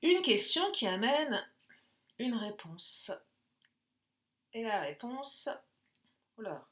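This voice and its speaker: A woman's voice: on the high side, big pitch swings, slow pace, fairly bright tone. A woman doing a casual card reading, chatty and jokey, thinking aloud with many fillers. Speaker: tarot and oracle card reader.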